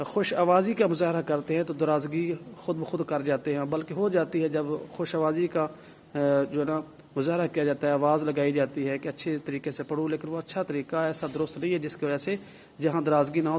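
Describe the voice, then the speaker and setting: A man's voice: on the high side, fairly even intonation, a little mellow, a little hiss or hum. Man teaching Quran recitation rules. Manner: explains slowly, models drawn-out sample recitations. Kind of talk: tajweed lesson.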